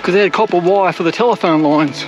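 An older Australian man talks on the move in a fairly high voice, rambling and self-mocking as he hikes. He is recorded outdoors on an action camera held at arm's length. Music plays behind him. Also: fast talker, low-quality recording. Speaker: hiking vlogger. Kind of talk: casual walking commentary. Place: outdoors on coastal bush trail and beach.

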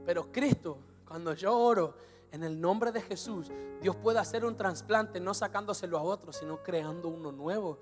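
A man with an Argentine Spanish accent preaching a sermon, telling the story dramatically and swinging from hushed to shouted. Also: high-pitched, normal speed, long reverb tail, faint music behind. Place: large hall with audience.

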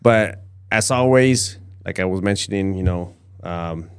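A man's voice: low voice, a little slow, clean tone. A man in his forties hosting a casual livestream on a close studio mic, often repeating words and phrases. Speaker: host of a livestream show. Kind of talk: casual livestream chat and sign-off. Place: acoustically padded studio, indoors. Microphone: close podcast microphone.

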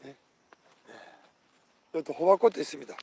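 A man's voice: on the high side, normal speed, vocal fry, darkish tone, husky, no room sound. An older man walks through an outdoor flower garden, calling out the name of each flower in turn and urging his viewers on with hearty patriotic appeals. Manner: exclaims over each flower, repeating names. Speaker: channel host. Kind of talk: outdoor walking vlog.

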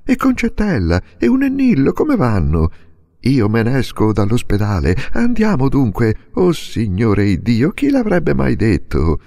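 A man's voice: medium pitch, wildly swooping pitch, measured pace, gravelly, warm tone, no room sound, clean studio sound, voice pushed up, full character voice. A man voicing a peasant father who talks effusively and exclaims with relief, in an audiobook reading. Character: peasant father, warm, overjoyed and bustling.

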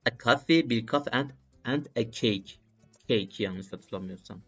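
A man works through a study session out loud, repeating short phrases and muttering to himself in a relaxed, unscripted way. His voice sits at an ordinary middle pitch. The recording is muffled and lo-fi, with soft music playing faintly underneath. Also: measured pace, slightly rough. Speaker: language learner vlogger. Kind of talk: casual think-aloud study vlog. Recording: dull lo-fi sound with faint music.

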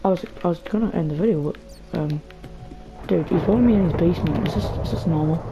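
A young woman hosting a gaming video chats casually through her gameplay, nervously addressing both her viewers and a game character. Her voice sits on the low side and she talks fast. The dull lo-fi mic picks up faint game music behind her.

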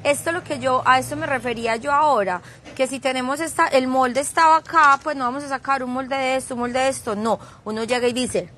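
A woman's voice: sits high, steady tone, a little fast, fairly bright tone, slight background noise. Fields: Sex: woman. Style: chatty live craft tutorial. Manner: chatty, teasing, adds playful sound effects. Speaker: craft instructor streaming live.

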